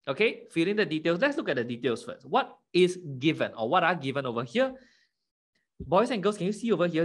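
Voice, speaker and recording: A young man leads an interactive lesson for primary school children. He sounds like a kids' show host, with a very animated pitch. He keeps prompting his listeners with questions as he explains. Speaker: online maths tutor for primary school children.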